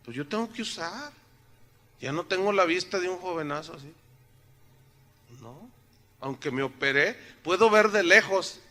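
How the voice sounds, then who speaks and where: An older pastor preaches in a high, bright voice, his throat a little sore. He keeps the sermon conversational and joking and asks his congregation one rhetorical question after another. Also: lively intonation, normal speed, pauses often. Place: church sanctuary.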